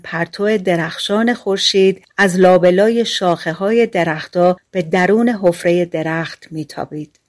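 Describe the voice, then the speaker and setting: A woman narrating a fairy-tale audiobook in a calm, measured storytelling manner. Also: medium pitch.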